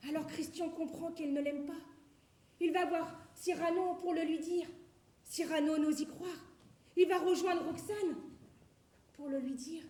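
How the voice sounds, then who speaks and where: A woman playing Edmond, a flustered married male playwright, on stage with halting, declamatory delivery. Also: very high-pitched, steady tone, warm tone. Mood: absorbed storytelling. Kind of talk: theatrical stage acting. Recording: very echoey stage recording.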